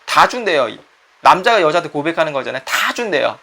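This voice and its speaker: A man's voice: fairly high pitch, very animated, fast, creaky, sharp tone. A middle-aged man, a pastor, giving a conversational sermon that acts out quoted voices and puts questions to the listeners.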